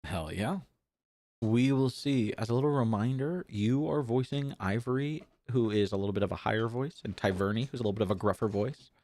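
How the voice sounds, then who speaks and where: A man's voice: lowish voice, a little fast, darkish tone, dry recording. A young man co-hosting a casual podcast, joking and hesitant, often correcting himself mid-sentence. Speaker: podcast co-host. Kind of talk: casual chat.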